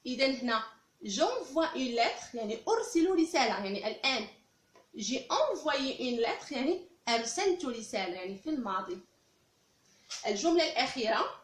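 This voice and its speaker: A woman with a Moroccan Arabic accent, teaching French grammar step by step and repeating each example phrase slowly and carefully. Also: sits high, very animated, reverberant.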